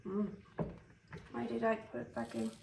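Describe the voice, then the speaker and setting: A fairly high, slightly gravelly voice with flat delivery and a somewhat slow pace belongs to a Swiss woman who speaks Swiss-tinged Californian English. She hosts a cooking vlog, rambling casually and self-deprecatingly as she cooks at home, exclaiming when things go wrong, all unscripted. The recording is roomy, from a far-off mic, with faint noise.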